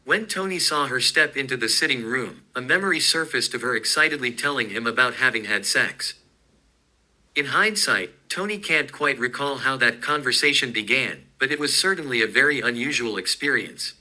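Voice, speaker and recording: Bright-toned male story narrator. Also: medium pitch, animated, normal speed, poor audio. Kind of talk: scripted narration.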